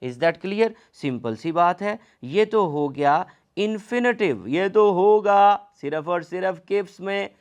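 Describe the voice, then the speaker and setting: A man teaching an exam-prep grammar lecture, often calling his students friends and reading English example sentences out slowly, word by word. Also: high-pitched, animated, clean tone.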